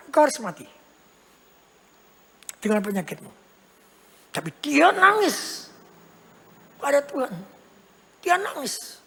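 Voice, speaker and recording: A woman's voice: high-pitched, a bit bright. Emphatic woman preacher. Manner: emphatic, repetitive, with rhetorical questions. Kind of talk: sermon. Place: large church hall. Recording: church hall reverb.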